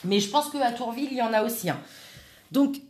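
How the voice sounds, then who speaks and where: A woman's voice: fairly high pitch, lively intonation, brisk, darkish tone, slight background noise. A woman hosting a live craft tutorial, chatting while she works and answering viewers by name. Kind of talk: live craft demonstration with chat replies. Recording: echoey room.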